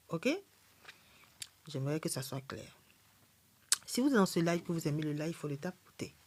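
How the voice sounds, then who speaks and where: A woman with a low, slightly mellow voice hosts a spiritual livestream in French, speaking with a non-native accent that she points out herself. Her monologue is blunt and defiant, and she keeps checking in with her viewers.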